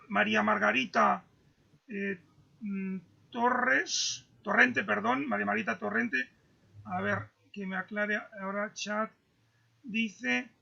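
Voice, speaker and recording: On a video call with dull, lo-fi audio, a man moderates an online Q&A, reading audience questions aloud. His voice is high, gravelly, bright and forceful, and his delivery is halting as he stumbles and repeats words.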